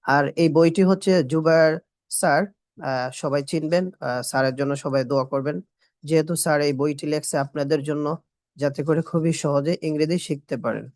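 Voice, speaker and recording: A man's voice: on the high side, steady tone, normal speed, darkish tone. A male teacher with a Bangladeshi accent, running a beginner English lesson and repeating each letter and word so learners can echo him. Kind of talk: slow drilling lesson with repetition.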